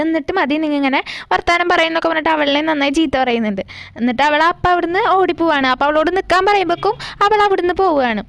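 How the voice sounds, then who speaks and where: A woman casually retelling a TV serial episode, speaking each character's lines in her own voice. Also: high-pitched. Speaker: serial recap narrator. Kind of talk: casual spoken episode recap.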